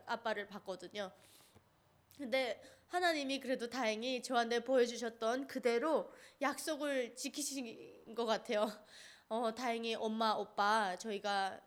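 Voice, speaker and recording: A woman from North Korea speaks in a high voice. She gives an earnest personal testimony and tells it vividly, with many fillers along the way.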